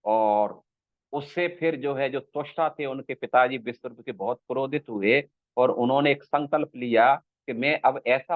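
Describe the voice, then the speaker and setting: A male spiritual teacher giving a slow scriptural discourse, explaining step by step, checking with his listeners and intoning verses. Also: mid-range voice, no room sound. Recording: dry, tinny phone-like sound.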